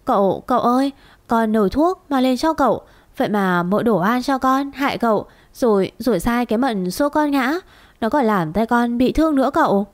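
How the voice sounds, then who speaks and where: A woman's voice: mid-range voice, animated, fairly quick, darkish tone, no room sound, close to an everyday voice. A woman voicing a scheming young female servant who pleads and whines, in a storybook reading. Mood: whining. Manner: whiny, pleading, stubborn.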